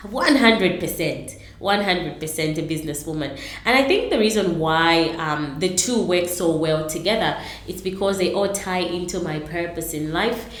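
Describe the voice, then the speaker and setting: A woman's voice: on the low side, animated, normal speed, few pauses, echoey room. A middle-aged woman from Zambia, answering interview questions earnestly, with many ums and restarts. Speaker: interview guest, entrepreneur.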